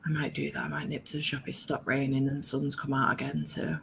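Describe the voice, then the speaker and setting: A British woman with a low voice chats casually over faint background noise. She sounds poorly and run-down with a cold, and talks in a sweary, self-deprecating way. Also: little pitch movement, fast talker, vocal fry. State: feeling ill and run-down, with a cold. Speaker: guest on a readathon livestream. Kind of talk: casual chat.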